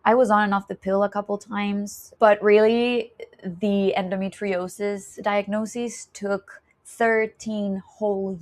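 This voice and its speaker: A young woman from Chile, a nurse and menstrual health educator, introducing herself in a candid, chatty vlog and laughing often. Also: mid-range voice. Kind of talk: casual self-introduction vlog.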